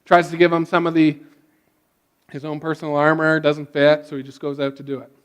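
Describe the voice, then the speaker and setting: A male pastor retelling a story in a casual sermon, with frequent restarts and a relaxed way of talking. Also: on the high side, a little fast, smooth.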